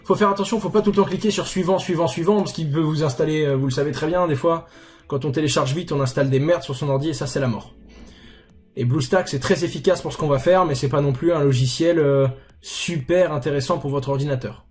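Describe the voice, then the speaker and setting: A man's voice: fairly high pitch, fairly quick, a little mellow, faint music behind. A young man hosting a casual screen tutorial, chatty and self-mocking, with crude slang. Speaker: YouTuber tutorial host.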